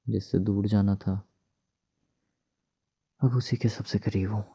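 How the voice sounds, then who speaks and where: A man voicing a young husband married to his ex, gruff but tender, in a hushed, soothing, teasing whispered role-play. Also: fairly low pitch, steady tone, slow pace, dry recording, studio quality, heavily acted.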